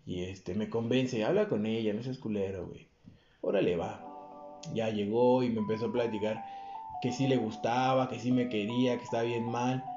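Un hombre joven con acento mexicano que cuenta una anécdota en una charla informal, con mucha grosería y jerga, imitando las voces de otros. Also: male voice, medium pitch, steady tone, moderate pace. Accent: Mexican Spanish. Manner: crude slangy storytelling, acts out quoted voices. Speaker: podcast co-host telling a story. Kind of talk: casual chat. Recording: roomy, dull lo-fi audio with faint music.

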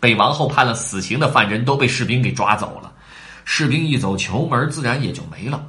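A man reading a children's story aloud in an animated way, talking to the children between lines. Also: mid-range voice, fairly quick.

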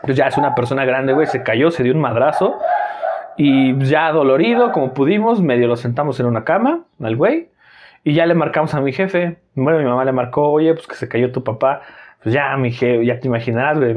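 A man's voice: medium pitch, fairly quick, lo-fi sound. A young man with a Mexican accent, telling a family story on a casual podcast, swearing often and repeating words. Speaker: podcast co-host.

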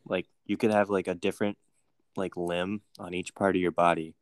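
Low-voiced young man rambling with fillers. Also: little pitch movement, normal speed, clear, resonant tone, no echo. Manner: rambling, filler-heavy, goofy. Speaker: podcast co-host. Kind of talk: casual chat.

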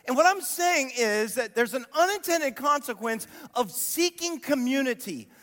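Male pastor, forties, high-pitched, animated storyteller with plenty of rhetorical questions; live sermon in a hall with long reverb. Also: moderate pace. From Columbus, Ohio.

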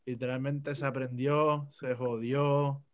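A man's voice: mid-range voice, little pitch movement, slow. A young man with a Puerto Rican accent talking enthusiastically in a casual podcast chat, teasing his friends. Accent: Puerto Rican Spanish. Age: young adult. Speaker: podcast guest.

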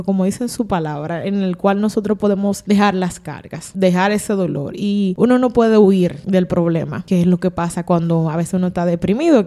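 Una mujer con acento dominicano narra con franqueza y emoción una experiencia personal en una conversación de pódcast. Su voz tiene un tono medio. Habla con términos de fe cristiana y se dirige a los oyentes de forma directa y sincera. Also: female voice, mid-range voice, warm tone. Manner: addresses listeners directly as "señores". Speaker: podcast panelist. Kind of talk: personal testimony in a group conversation.

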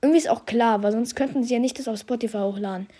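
This young host races through casual year-in-review talk, reading statistics in youthful slang, his nose stuffy from a slight cold. His voice sits at medium pitch and sounds mellow.

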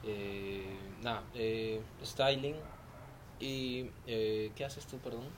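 A man's voice: fairly low pitch, drawn-out words. A man speaking as a musician guest in a casual, informal interview chat. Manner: joking, informal. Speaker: band vocalist, podcast guest. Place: outdoor home terrace. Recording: noisy outdoor terrace ambience.

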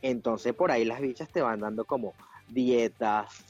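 A man with a Venezuelan accent, chatting casually on a podcast, slangy and animated, laughing often. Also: mid-range voice, unhurried. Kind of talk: casual chat. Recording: dull lo-fi sound with faint music.

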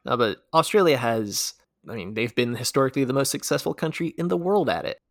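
An American man co-hosting a casual talk show, leading the segments with lively, fact-filled explanation. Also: medium pitch, brisk, vocal fry, no echo, studio quality. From United States. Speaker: podcast co-host.

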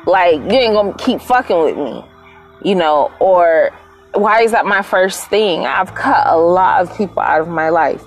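A woman's voice: fairly low pitch, measured pace, soft background music. Candid, profane young woman telling stories. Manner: candid, profane, animated retelling. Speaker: podcast host. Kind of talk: casual storytelling monologue.

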